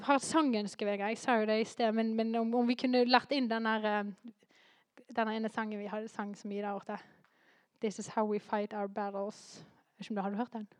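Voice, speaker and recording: A woman preaching a sermon in a lively way, rising to fervent emphasis. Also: on the high side, no room sound.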